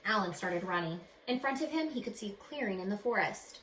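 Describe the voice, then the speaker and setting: A teacher with an expressive, mid-range voice reads a picture book aloud to children. Her style is dramatic, and she pauses to ask the young listeners questions. The room echoes noticeably, with faint noise in the background.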